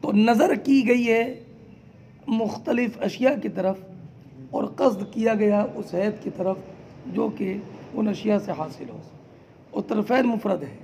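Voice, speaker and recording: A man teaching a class, explaining slowly term by term, asking his students question after question and calling them "beta". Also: high voice, gravelly, darkish tone, a little hiss or hum. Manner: quizzes students with repeated questions; addresses listeners as "beta". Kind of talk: classroom lecture.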